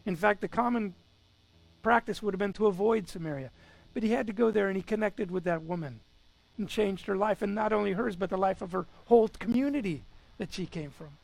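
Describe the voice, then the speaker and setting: Animated pastor preaching, gravelly high voice. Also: male voice, fairly quick, dry recording. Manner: animated storytelling, acting out quoted voices. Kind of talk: sermon. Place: church.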